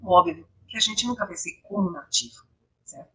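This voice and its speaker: A woman from Brazil teaching English online, mixing in Bible reflections, explaining patiently and asking her class rhetorical questions, her voice a little hoarse. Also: mid-range voice, moderate pace, pushed and bright, low-quality recording. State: slightly hoarse, coughing. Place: home, live stream.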